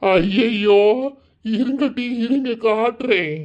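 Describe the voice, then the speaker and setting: A woman's voice: fairly high pitch, takes it slowly, darkish tone, dull audio. A woman voicing a fretful elderly village grandfather in a cartoon, speaking with a Kanyakumari Tamil accent. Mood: worried.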